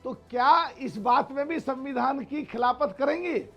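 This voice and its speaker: A man's voice: very high voice, unhurried, vocal fry, pushed and bright, soft background music. A man arguing insistently as a panelist in a heated TV debate, repeating words for emphasis. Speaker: political panelist.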